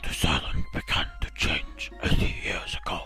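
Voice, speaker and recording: A man voicing an ancient, wise male tree spirit in a deep, gravelly whisper, slow and solemn. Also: close to an everyday voice. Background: game music.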